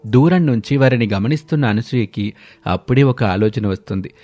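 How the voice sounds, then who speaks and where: Steady male storybook narrator. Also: mid-range voice, a little fast, soft background music.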